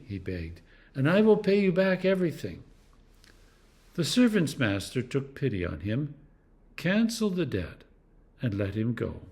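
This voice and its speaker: This is scripture read aloud by a clergyman as devotional narration; his delivery is deliberate and expressive, marked by dramatic emphasis and pauses. His pitch sits in the middle range.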